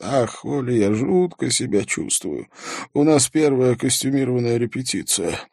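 A man's voice: medium pitch, big pitch swings, normal speed, darkish tone, no room sound, studio quality, voice pushed up. A man voicing an anxious, emotional middle-aged theatre producer, nervous and fussy.

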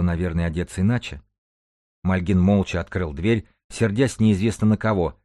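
A man narrating an audiobook in a measured storytelling manner. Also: fairly low pitch, a little mellow, dry recording, studio quality. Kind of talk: scripted narration.

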